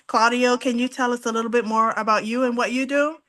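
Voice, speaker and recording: A woman's voice: on the high side, fairly even intonation, quick pace, bright, forceful tone. A woman hosting an interview, affirming her guests and asking them questions. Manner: affirming, encouraging. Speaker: host.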